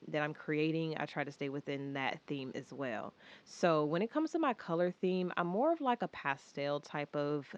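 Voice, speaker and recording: A woman with a small craft business talks through a design tutorial in a casual, screen-recorded walkthrough, chatty and relaxed with many filler words. Her low-pitched voice sounds congested from a cold, and the audio is lo-fi.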